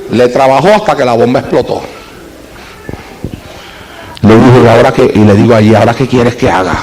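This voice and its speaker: A man preaching a sermon as a pastor, telling a story and swinging from hushed to fervent. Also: medium pitch, brisk, poor audio.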